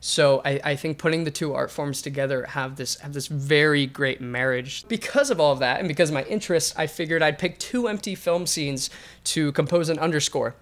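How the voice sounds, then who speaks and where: Casting: young male composer-presenter, slightly high voice, casual and hesitant explainer talking to camera. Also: fairly quick, a bit bright. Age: young adult. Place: bright living room with grand piano.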